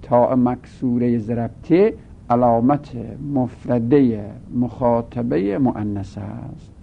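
Man, grammar lesson, gravelly voice, methodical, phone-like sound, faint rumble. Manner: methodical, drawn-out words, asks and answers his own questions. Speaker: teacher. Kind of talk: grammar lesson, explaining step by step.

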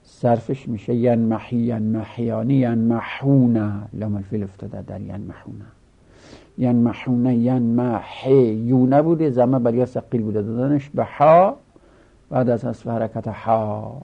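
A man teaching a seminary grammar lesson, chanting word forms in a slow, drawn-out recitation. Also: medium pitch, fairly even intonation, creaky, dull audio.

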